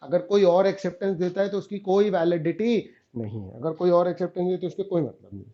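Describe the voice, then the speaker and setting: A man's voice: sits high, fast, highs cut off. A man teaching a revision lecture, often stopping to ask the students whether they follow and calling them beta and guys.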